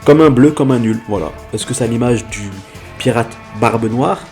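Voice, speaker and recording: A man's voice: medium pitch, normal speed, music in the background. A man reviewing films in a casual, blunt monologue, ranting with slangy exasperation. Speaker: film reviewer. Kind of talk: casual film critique monologue.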